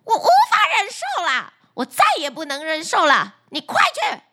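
A woman's voice: high-pitched, wildly swooping pitch, a little slow, fairly bright tone, exaggerated voice. A woman voicing a greedy, demanding fisherman's wife who wants to rule everything, in a storybook tale. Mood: furious. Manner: demanding, imperious.

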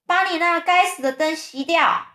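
A woman voicing a loud, impatient male centipede in a children's storybook reading, shouting his lines. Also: very high-pitched, moderate pace, pitched above the performer's own voice. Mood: yelling.

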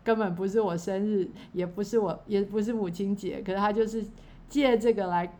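A middle-aged woman, chatting casually about faith and her songwriting, pausing often with fillers and restarts. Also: mid-range voice, fairly even intonation, mellow. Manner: hesitant, many fillers and restarts. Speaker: songwriter and church worker.

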